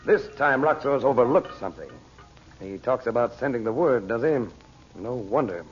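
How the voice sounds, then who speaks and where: A man's voice: mid-range voice, animated, normal speed, faint music behind, natural voice. An actor playing a shrewd, unruffled magician investigator in a radio adventure serial, talking casually and self-assuredly and muttering as he thinks. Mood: pondering, intent. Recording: muffled, noisy old radio serial recording.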